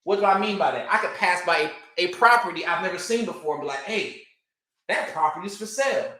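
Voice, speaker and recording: A man's voice: high voice, expressive, fast talker, pushed and bright. A man giving a motivational talk about credit, emphatic and repetitive, acting out other people as he makes his points. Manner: emphatic, repeats points, acts out people in voices. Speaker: credit coach. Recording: echoey room.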